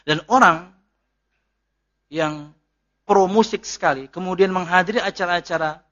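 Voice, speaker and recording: A man's voice: high-pitched, measured pace, fairly bright tone. A man giving a chatty, joking religious lecture and answering questions as an ustadz. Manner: jokey, chatty, laughs at his own jokes. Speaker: ustadz, Islamic preacher. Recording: dull lo-fi lecture recording.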